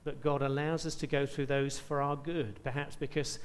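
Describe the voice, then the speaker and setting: Preacher in a reverberant hall. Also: male voice, medium pitch, level tone, moderate pace, clear, resonant tone. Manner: reads scripture aloud with rising emphasis, asks rhetorical questions. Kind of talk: sermon.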